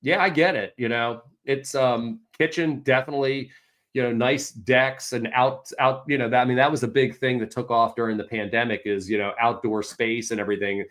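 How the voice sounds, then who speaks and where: A man hosting a casual livestream Q&A as a real estate agent, telling animated stories and swearing mildly. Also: medium pitch, moderate pace. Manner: chatty, animated storytelling with mild swearing.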